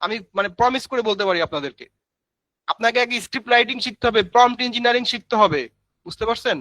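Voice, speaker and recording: Guy doing a live tutorial, high voice, talks fast, lots of fillers. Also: bright, forceful tone, dry recording, poor audio. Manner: chatty, addresses viewers as brother, many fillers. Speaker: online course instructor. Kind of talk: live screen-share tutorial.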